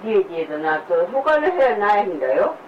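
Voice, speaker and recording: A woman's voice: mid-range voice, sing-song, fast talker, recorded from a distance. Older woman, grumbling and repetitive, caught from across the room on a dull, faintly noisy home recording. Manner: grumbling, repeating complaints.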